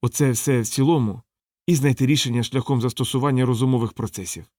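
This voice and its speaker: A man's voice: mid-range voice, steady tone, fast talker, darkish tone, dry recording, natural voice. A man voicing a scruffy, self-pitying male street dog who grumbles sarcastically in a dry, close sound. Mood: smug.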